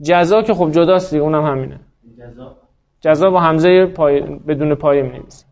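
A man's voice: a little high, darkish tone. A man teaching a class, explaining grammar rules step by step, asking the students questions and then answering them himself. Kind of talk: classroom lecture on Arabic spelling. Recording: dull lo-fi sound.

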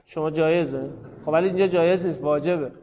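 A man's voice: on the high side, a little mellow, in a large hall, dull audio. A man teaching a grammar class, calling on students by name and thinking aloud. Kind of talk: classroom lesson on Arabic grammar.

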